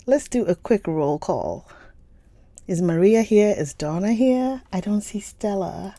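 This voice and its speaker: This young woman from Ghana runs a livestream book reading, greeting viewers by name while chatting casually and laughing a lot. Her medium-pitched voice is animated yet mellow, moving at a measured pace. The phone or computer stream mic picks up no echo.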